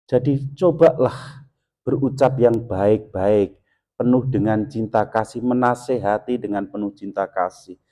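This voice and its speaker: A man's voice: unhurried, warm tone. A man giving a dharma sermon as a Buddhist monk, telling homely stories and acting out little dialogues between people. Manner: folksy, acts out little dialogues, shifts into high mock-scolding voices.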